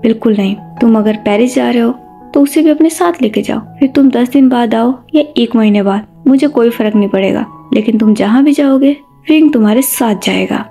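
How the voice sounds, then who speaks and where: A woman's voice: on the high side, moderate pace, gravelly, dark tone, soft background music. A woman doing a stern, worried scolding mother. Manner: scolding, insistent. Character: stern worried mother, protective and quick to anger.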